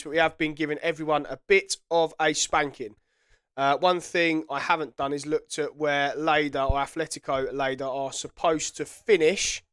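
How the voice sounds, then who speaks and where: A gaming YouTuber with a head cold gives casual, chatty commentary while playing a football management game, often correcting himself. His voice is a little high and a bit bright with a clean tone, recorded in studio quality with no room sound.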